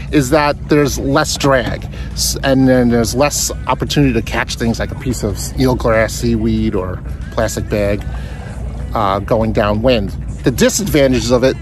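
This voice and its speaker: A sailing instructor in his forties records a casual instructional vlog outdoors on a small sailboat, holding a phone camera at arm's length. In a mid-range voice, he explains in a friendly way how to sail the boat while actually sailing it.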